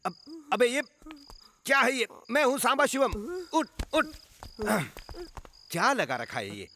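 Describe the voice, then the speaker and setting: A man's voice: extremely high pitch, huge pitch swings, a little slow, sharp tone, a little hiss or hum, exaggerated voice. A man playing a grouchy, skeptical night-shift workmate, scolding in exasperation in a comic film dub. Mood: exasperated.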